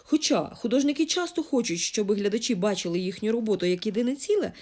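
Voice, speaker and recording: A woman from Ukraine explaining design and art principles in a lesson, talking with fillers and quick self-corrections. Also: mid-range voice, lively intonation, darkish tone. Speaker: art teacher.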